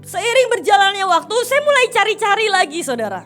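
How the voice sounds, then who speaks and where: Very high-voiced woman preaching fervently. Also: big pitch swings, brisk, soft background music. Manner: swings between loud fervent bursts and soft hushed lines, often calling "saudara". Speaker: evangelist preacher. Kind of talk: emotional sermon with personal testimony. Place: church service.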